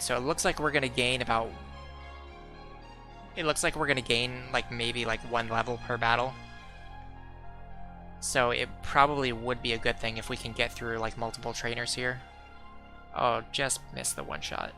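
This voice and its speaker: Young man, streamer, gravelly voice, rambling fillers, faint background music. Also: mid-range voice, moderate pace, long pauses, pushed and bright. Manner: rambling, many "like" fillers, self-correcting. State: hiccuping. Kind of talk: casual gameplay commentary.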